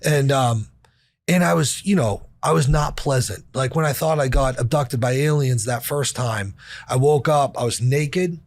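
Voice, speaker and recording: A man's voice: mid-range voice, unhurried, no echo. A man talking as a podcast guest, telling a personal story in a blunt, profane, casual way with lots of fillers.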